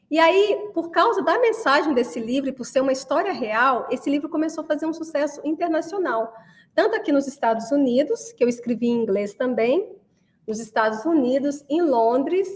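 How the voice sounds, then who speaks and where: A woman from Brazil giving a chatty class to parents, often asking listeners to agree as she talks. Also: high-pitched. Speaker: course creator addressing parents. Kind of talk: casual promotional class talk.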